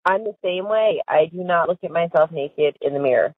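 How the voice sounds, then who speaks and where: A woman talks over a tinny prison phone line, and her voice sounds dry and a little husky. She is chatty and giggly, and she strings her thoughts together with lots of fillers. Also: on the low side, normal speed, no echo. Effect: recorded prison phone call. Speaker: caller to an inmate. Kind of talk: casual phone chat.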